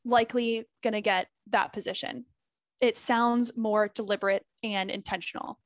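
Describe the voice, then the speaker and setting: Woman guest, talks straight and emphatic, swears a bit, slightly high voice, dry close sound. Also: fairly even intonation, normal speed, no echo. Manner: candid and emphatic, swears freely. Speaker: former group fitness instructor. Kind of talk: casual conversational interview.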